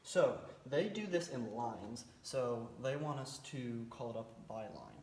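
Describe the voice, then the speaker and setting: A man's voice: medium pitch, very animated, unhurried, darkish tone. A man with a mid-range voice explains a military drill informally. He is plain-spoken and slightly hesitant, going step by step. The sound is roomy, with light noise behind him. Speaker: military cadet team instructor. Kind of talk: informal instructional briefing. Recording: roomy echo, faint background noise.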